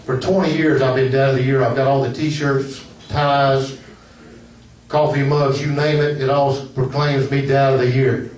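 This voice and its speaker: An older man doing a stand-up set in a comedy club, nervous and self-deprecating, with a halting delivery. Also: mid-range voice, level tone, a little mellow. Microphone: camera out in the audience. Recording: roomy club, distant camera mic, laughing crowd. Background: audience laughter.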